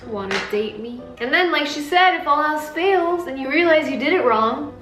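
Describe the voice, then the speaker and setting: Sarcastic playful girl vlogger chatting thru makeup, highish voice, echoey room, bit of music. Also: animated, normal speed, a bit bright. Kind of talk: casual comedic commentary while following a makeup tutorial. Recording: roomy sound with faint music.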